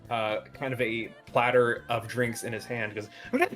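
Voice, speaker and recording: Man, game master, relaxed descriptive narration, frequent ums, faint music behind. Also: medium pitch, normal speed.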